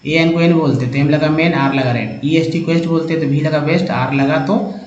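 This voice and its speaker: Male tutor, somewhat high voice, slow spelled-out phonics, dull lo-fi echoey room. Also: fairly even intonation. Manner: spells out letters and sounds them slowly; addresses viewers as friends. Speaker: English reading teacher. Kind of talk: spoken lesson explaining word parts.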